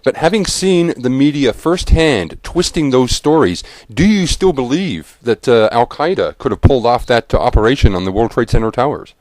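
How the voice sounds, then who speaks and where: A man's voice: medium pitch, animated, normal speed, few pauses, darkish tone, dry recording. A man hosting a radio interview, asking probing questions with a slight stammer. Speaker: radio host.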